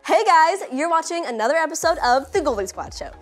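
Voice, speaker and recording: A young woman hosting a kids' show in an excitable, casual way, peppering her talk with filler words. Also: high-pitched, fairly quick, loud music behind the voice. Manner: excitable, casual, says "like" often. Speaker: show host.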